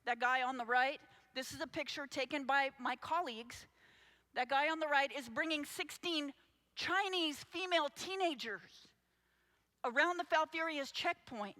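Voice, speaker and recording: An anti-trafficking advocate, a woman, delivers an impassioned conference talk at a moderate pace. Her voice is high-pitched with a sharp edge, and she speaks urgently, directly to the audience.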